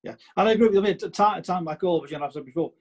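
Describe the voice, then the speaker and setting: A man's voice: sits high, rapid-fire. A man with a Stoke-on-Trent accent chatting casually on a podcast, emphatic and repeating his points with plenty of "you know".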